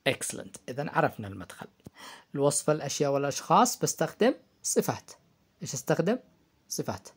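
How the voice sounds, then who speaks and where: Male teacher, high-school grammar lesson, asks and answers his own questions, repeats key terms. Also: very animated, quick pace, breathy edge. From Yemen. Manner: asks the class questions and answers them himself. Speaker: English teacher.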